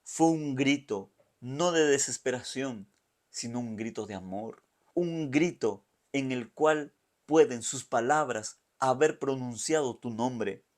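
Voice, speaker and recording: Male pastor, sermon delivery, emphatic repetition and pauses, middle pitch, unhurried. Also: a little mellow. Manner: addresses the viewer directly. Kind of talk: Bible study sermon.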